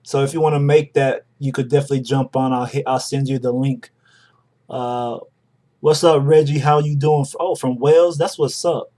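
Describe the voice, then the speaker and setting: A man's voice: medium pitch, steady tone, moderate pace, dark tone. A young adult man hosting a live stream, talking casually through charts and greeting viewers by name. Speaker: livestream host.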